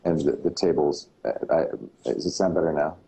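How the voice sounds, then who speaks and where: A middle-aged man and radio broadcaster in casual chat, telling stories in a relaxed way. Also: brisk, poor audio. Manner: relaxed storyteller, slips into deep announcer voice.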